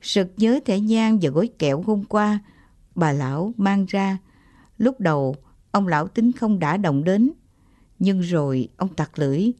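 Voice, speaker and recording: Calm woman narrating a story. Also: medium pitch, unhurried, dry recording.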